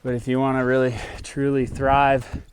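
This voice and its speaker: A man talking casually to his vlog viewers, out of breath and breathing heavily, in halting short phrases. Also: medium pitch, completely flat delivery, slight background noise. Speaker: video channel host.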